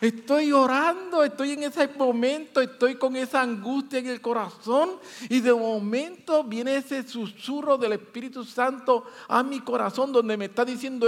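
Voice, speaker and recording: Impassioned high-voiced male preacher, reverberant hall. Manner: impassioned, swinging from hushed to loud. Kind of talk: sermon.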